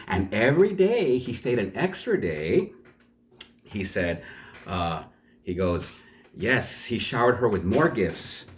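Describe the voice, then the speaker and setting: A man's voice: on the low side, slight background noise. A man telling a folk tale for learners in a chatty way, stopping to ask his listeners questions and explain words. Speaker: storyteller.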